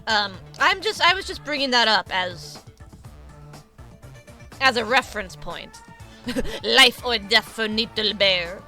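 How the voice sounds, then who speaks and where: A woman streamer with a bright, tense edge to her voice talks loosely and profanely, laughing between her thoughts. Her nose is running, and faint music sits behind her. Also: fairly high pitch, expressive, takes it slowly, long pauses. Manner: rambling, profane, laughs often. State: runny nose. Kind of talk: casual live-stream chat.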